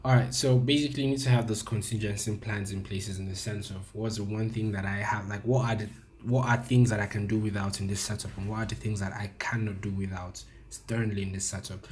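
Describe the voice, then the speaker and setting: Low-voiced man reviewing trades casually. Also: steady tone, brisk, a little hiss or hum. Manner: loose and conversational, frequent fillers and restarts. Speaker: forex trading educator.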